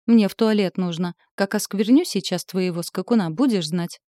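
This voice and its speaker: A woman's voice: medium pitch, normal speed, mellow, no room sound, clean studio sound, natural voice. A woman voicing a hot-tempered young heroine who snaps back with defiance. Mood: shouting. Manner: snappy, defiant.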